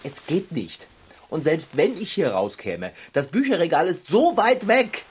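A woman's voice: fairly low pitch, very animated, a little slow, a little mellow. A woman playing a timid, queasy bicycle tinkerer who whines and protests anxiously in a children's audio drama. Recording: clearly noisy background.

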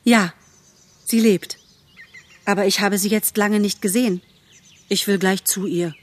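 A woman voicing a gentle young female deer, coaxing her brother softly in a storybook reading. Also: mid-range voice, fairly even intonation, measured pace, natural voice. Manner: soft, coaxing. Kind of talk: audiobook character voice.

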